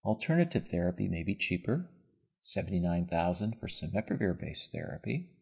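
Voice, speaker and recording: A man giving a scripted slide lecture as a medical presenter, in a measured, formal delivery. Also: low-pitched, creaky, slightly rough.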